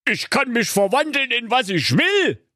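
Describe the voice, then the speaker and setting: A boastful evil wizard, as a male reader puts him on in a comic storybook, scornful and shrill, pitched well above a normal voice with a strange, squeezed timbre. The recording is close and dry. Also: sing-song, a little slow, bright, forceful tone, dry recording, full character voice.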